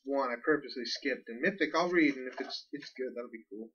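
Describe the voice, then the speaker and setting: A man's voice: medium pitch, brisk, fairly bright tone, husky. Chatty man, distant lo-fi podcast mic. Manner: chatty, laughs often, rambling. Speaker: podcast co-host. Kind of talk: casual chat, unboxing comics.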